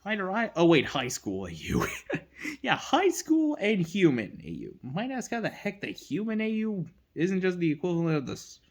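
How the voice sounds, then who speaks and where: In loose, rambling commentary, the fandom creator giggles, laughs, and keeps correcting themselves and adding asides. Pitch swoops wildly across a mid-range voice that moves at normal speed.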